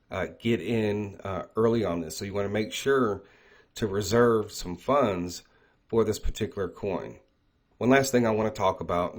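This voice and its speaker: A man hosting an online talk, speaking conversationally with many fillers and frequent "right?" check-ins. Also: fairly low pitch. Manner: reads quoted prophecies aloud. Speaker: crypto channel host. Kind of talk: casual talk to camera.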